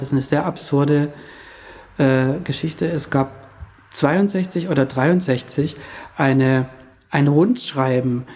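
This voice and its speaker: Guy with a warm low-key voice, lots of ähs and restarts, thinking out loud in a chat. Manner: hesitant, many fillers and restarts, speculative asides. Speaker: historian guest. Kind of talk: conversational interview, thinking aloud.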